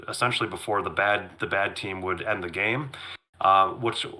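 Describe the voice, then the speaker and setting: A man co-hosting a casual board game podcast, losing his voice, who clears his throat often and talks with many fillers and restarts. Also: lowish voice, sharp tone. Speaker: podcast co-host. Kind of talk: casual chat.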